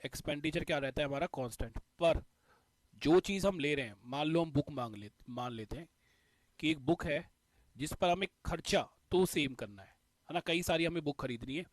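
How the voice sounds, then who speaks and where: A man's voice: a little high, no room sound. A male teacher explaining a math concept step by step, repeating the key points. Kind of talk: exam-prep math lesson.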